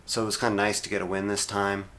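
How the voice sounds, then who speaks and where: A podcast co-host with a fairly low, level voice talks quickly in a pushed, bright tone. He chats casually in an easygoing, hesitant way, using many fillers.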